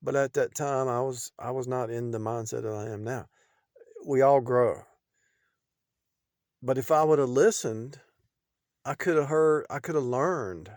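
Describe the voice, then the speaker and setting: A middle-aged man talking in an unscripted, rambling preaching monologue, repeating phrases and restarting sentences, often dropping in loudness. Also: medium pitch, unhurried, long pauses, dry recording, studio quality.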